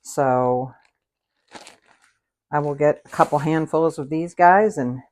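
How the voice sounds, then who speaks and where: A woman's voice: low voice, slow, a little mellow. A middle-aged woman hosting a live cooking stream from her home kitchen, chatting casually and greeting viewers by name. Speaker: cooking show host.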